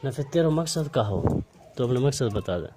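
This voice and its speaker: In an amateur recording of a private phone call, a man with a Mewati accent argues reproachfully, firing off one pointed question after another. His mid-range voice is animated at a normal speed, with background noise present.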